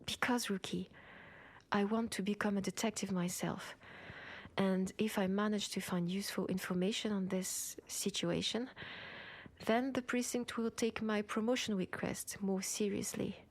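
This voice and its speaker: Playing the senior partner to a rookie, a French-accented woman voices an ambitious, protective cyberpunk cop, softly and breathily, in one side of an intimate sci-fi audio roleplay. Her mid-range voice holds a steady tone at normal speed, lightly acted and determined.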